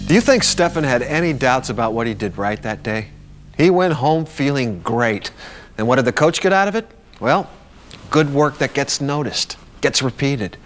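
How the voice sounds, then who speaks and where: A man's voice: medium pitch, expressive, moderate pace, faint music behind. A man presenting a workplace coaching lesson in a conversational, emphatic scripted narration.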